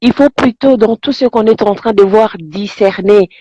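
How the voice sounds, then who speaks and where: A woman's voice: mid-range voice, moderate pace, dark tone, no room sound, muffled recording. Rambling woman caller. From Congo. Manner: rambling, preachy, laughs often. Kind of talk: phone-in commentary. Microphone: phone call.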